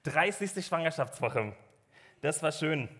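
A man in his thirties hosts a lively church gathering from the stage of a dark club venue. His voice sits a little high, and he jokes with the crowd, calling them to stand and clap. He speaks through a stage microphone. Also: takes it slowly. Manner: upbeat, joking, directing the crowd. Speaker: church service host.

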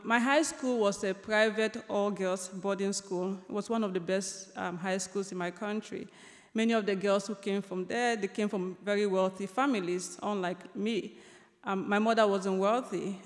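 A woman's voice: medium pitch, fairly even intonation, normal speed. A young woman, an author telling a personal story on stage, with light humor and many ums and restarts. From Cameroon. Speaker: author giving a talk. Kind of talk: storytelling lecture. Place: large lecture hall. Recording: long reverb of a large hall.

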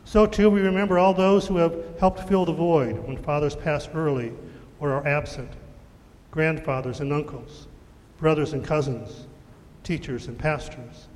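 A man leading the prayers of the church in a measured, solemn way, his voice ringing with a long echo in a large church. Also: fairly high pitch, darkish tone. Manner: measured, solemn liturgical reading. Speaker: worship leader. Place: church sanctuary.

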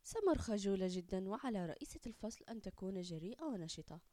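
A woman's voice: mid-range voice, sing-song, fast talker, dark tone, dry recording, natural voice. A woman voicing a curt, biased science teacher. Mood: defensive. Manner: curt, dismissive.

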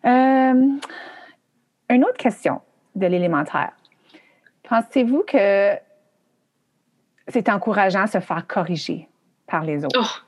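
A woman's voice: mid-range voice, lively intonation, slow pace, long pauses. Chatty middle-aged woman host. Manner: friendly, chatty, lots of fillers and laughs. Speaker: podcast host. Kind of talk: casual interview chat.

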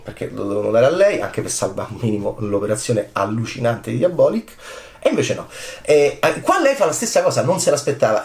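Excitable man giving rambling film commentary. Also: echoey room. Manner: enthusiastic, rambling, swings between soft asides and excited high bursts. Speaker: film critic. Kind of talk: casual commentary on an awards night.

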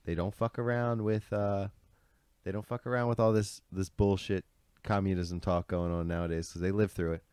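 A man's voice: low-pitched, steady tone, moderate pace, darkish tone, clean tone, no echo, studio quality. A man hosting a podcast in a rambling, slangy, sweary way, full of bro and dude. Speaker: podcast host. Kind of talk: casual rambling podcast chat.

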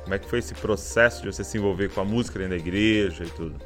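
A Brazilian man hosting an interview in a somewhat low voice. He asks relaxed questions and reacts with short exclamations. Faint music plays in the background. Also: racing. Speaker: interviewer host. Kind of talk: casual interview chat.

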